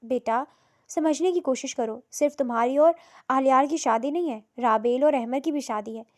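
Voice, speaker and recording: A woman's voice: sits high, natural voice. A woman voicing a worried middle-aged mother who pleads and then scolds sharply. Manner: anxious pleading, sharp scolding when angry.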